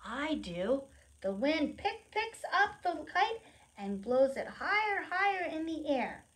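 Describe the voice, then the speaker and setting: At a slow pace and with a high voice, a woman presents a preschool storytime, reading to young children and explaining in simple, expressive language peppered with questions.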